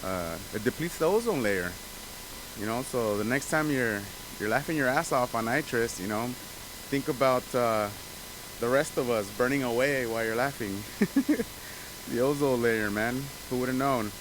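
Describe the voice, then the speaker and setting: A man chats casually as a channel host, wandering through his points with fillers, restarts and asides. His voice sits at an ordinary middle pitch. A steady hiss runs under the recording. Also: moderate pace. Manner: loose, rambling, lots of fillers and restarts. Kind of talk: casual chat. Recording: hissy background noise.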